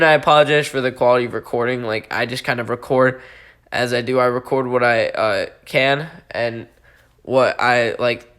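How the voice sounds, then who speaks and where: A man giving casual gameplay commentary over his football video game footage, talking in a halting way with many fillers. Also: medium pitch, a bit bright. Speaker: gaming YouTuber.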